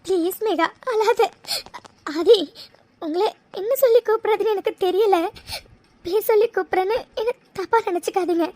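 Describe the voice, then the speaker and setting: A woman voicing a gentle young female friend in a cartoon, soothing and pleading. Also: very high-pitched, normal speed. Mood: comforting. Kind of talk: cartoon voice acting.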